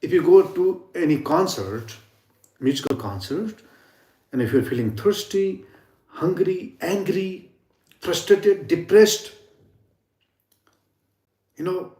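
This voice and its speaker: A man's voice: high-pitched, lively intonation, slow pace, long pauses, dark tone, echoey room. A man giving an earnest spiritual talk on sound healing, often dropping to near whispers for emphasis. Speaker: yoga and sound healing teacher. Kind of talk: informal spiritual teaching talk.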